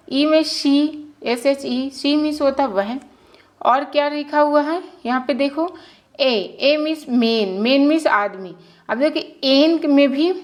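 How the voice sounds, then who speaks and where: A woman from India teaching an English lesson in a casual spoken style. She repeats each word twice and keeps checking in with her listeners. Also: high voice. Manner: repetitive, explains each word twice, checks in with "theek hai".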